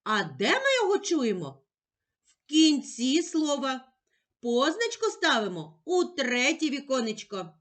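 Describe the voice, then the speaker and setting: A woman teacher with a Ukrainian accent leads a slow, clearly spoken reading lesson for young children, patiently asking her own questions and answering them while stretching out the sounds. Her voice is high, very animated, and fairly bright.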